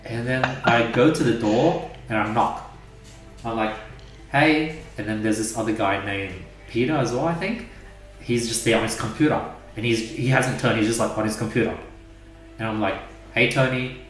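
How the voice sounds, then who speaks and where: A man's voice: fairly low pitch, moderate pace, faint music behind. A young man hosting a podcast, telling a story in casual chat with lots of "like" fillers. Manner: rambling, many "like" fillers. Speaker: podcast host. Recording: roomy echo, mic at a distance.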